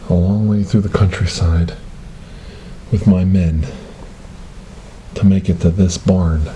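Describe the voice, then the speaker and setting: Deep-voiced, a man portrays a calm, hypnotic government paranormal investigator in whispered ASMR horror role-play, with a hushed, ominous mood. He speaks softly, breathily and deliberately, repeating himself and often dropping to a whisper, recorded noisily up close on a binaural microphone.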